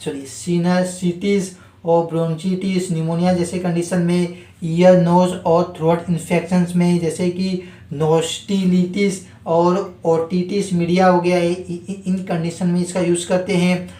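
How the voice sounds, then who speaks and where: A man's voice: high-pitched, warm tone, echoey room, rough recording. A man teaching pharmacy in a casual spoken lesson, often stumbling over words and correcting himself. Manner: halting, frequent self-corrections and filler checks.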